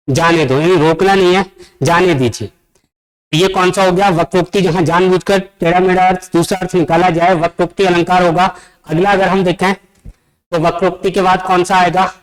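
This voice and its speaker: A man's voice: high voice, clean tone, low-quality recording. A male teacher giving an exam-prep grammar lesson, explaining step by step and putting questions to the class. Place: coaching classroom.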